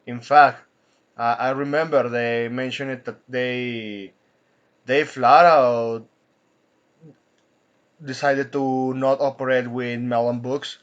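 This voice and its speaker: A man hosting an angry commentary rant, indignant and swearing, with frequent halting restarts. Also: medium pitch, steady tone, lo-fi sound. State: coughing from anger at times. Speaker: commentary channel host.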